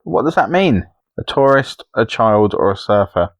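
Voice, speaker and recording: A man's voice: on the low side, big pitch swings, normal speed, no echo. A man co-hosting a podcast in casual chat, reading quiz questions and joking teasingly. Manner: teasing, jokey. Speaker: podcast co-host.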